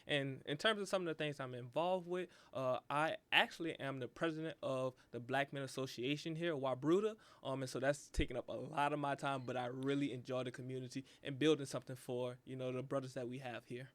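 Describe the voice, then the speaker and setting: A man's voice: mid-range voice, steady tone, brisk, few pauses, a bit bright, no room sound. Laid-back young man from New Orleans. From New Orleans, Louisiana. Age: 20s. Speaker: student panelist. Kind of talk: casual panel talk.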